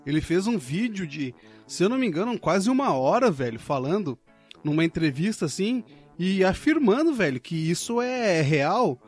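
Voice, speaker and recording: A man's voice: high-pitched, sing-song, normal speed, soft background music. A man co-hosting a casual radio show, talking in slang and laughing often. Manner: slangy, laughs a lot, says velho. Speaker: radio co-host.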